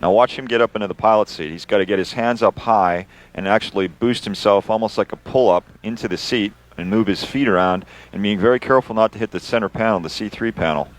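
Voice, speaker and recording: A deep-voiced man gives live explanatory commentary as an astronaut guest. He talks conversationally, walking the listener through each step. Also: fast talker, hardly any pauses.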